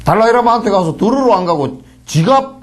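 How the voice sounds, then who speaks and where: A man with a Gyeongsang Korean accent, a Buddhist monk giving a folksy dharma lecture in a temple hall, full of rhetorical questions and mimicked flattery. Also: high-pitched, brisk.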